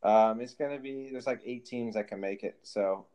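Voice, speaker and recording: Male co-host, mid-pitched, chatty, wanders through topics with ums. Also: moderate pace, crowd noise. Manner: rambling, many fillers and restarts. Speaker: podcast co-host. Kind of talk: casual chat.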